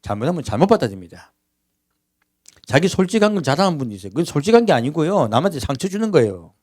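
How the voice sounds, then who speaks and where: Pastor preaching in a church, man, lively swinging pitch, dry close sound, chatty with rhetorical questions. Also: racing, dry recording. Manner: conversational preaching with frequent rhetorical questions to the congregation; acts out everyday quotes in character voices. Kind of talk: sermon.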